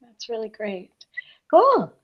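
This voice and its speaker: A woman's voice: fairly high pitch, huge pitch swings, slow, highs cut off. A woman moderating an online panel, upbeat and encouraging, handing the turn to each guest. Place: video call.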